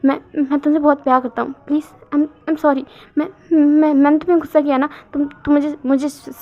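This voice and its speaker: A woman's voice: high-pitched, level tone, brisk. A woman voicing a lovestruck young man who pleads in tears, stammering and repeating words. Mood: pleading. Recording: dull lo-fi recording.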